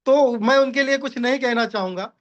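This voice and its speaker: A man on an online meeting giving a persuasive, motivational pitch, often checking in with his listeners and addressing them as friends. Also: brisk, highs cut off. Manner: persuasive, repeats "ठीक है ना", addresses listeners as साथियों. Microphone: video call.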